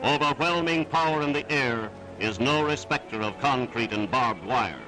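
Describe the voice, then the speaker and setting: Man, mid-pitched, old newsreel narrator, declamatory and emphatic, under loud music. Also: lively intonation, moderate pace, poor audio. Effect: old newsreel recording.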